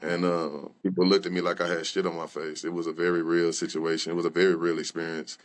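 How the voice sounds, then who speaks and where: Deep-voiced young man telling his story. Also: level tone, quick pace. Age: young adult. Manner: loose, conversational, many fillers and restarts. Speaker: guest rapper and artist. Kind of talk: candid personal storytelling.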